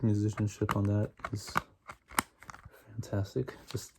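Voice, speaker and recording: A young adult man doing a fast, aggressive ASMR ramble in a casual, repetitive, enthusiastic way. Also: fairly low pitch, little pitch movement. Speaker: ASMR video creator. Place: small bedroom, indoors. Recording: noisy room, clicking and tapping. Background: tapping and clicking on CD cases.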